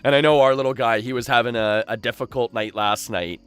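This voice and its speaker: A man's voice: mid-range voice, fairly even intonation, a little fast, fairly bright tone, clear, resonant tone. A boisterous, chatty man from Canada hosting a casual livestream, talking with his viewers. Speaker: live game streamer and host. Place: small backyard shed used as a streaming room.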